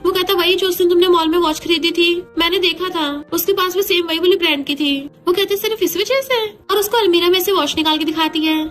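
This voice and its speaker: A woman's voice: very high voice, steady tone, fast, hardly any pauses, faint music behind. A woman retelling a romance drama plot, reading the characters' quoted lines in her own narrating voice.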